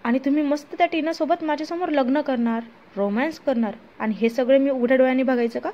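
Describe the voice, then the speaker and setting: Woman narrator voicing a tearful young wife, pleading, high voice, lo-fi recording. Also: fast talker, dark tone, natural voice. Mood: hurt, bitter. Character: hurt young wife confronting her husband, then a terrified captive.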